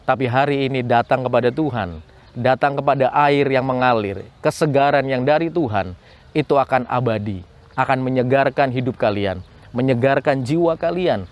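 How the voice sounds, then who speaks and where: A school chaplain, a man with a mid-range voice, leads a morning devotion for schoolchildren at a cool outdoor spot. He speaks at normal speed in a preachy, repetitive way, repeating lines and posing rhetorical questions. The audio sounds dull.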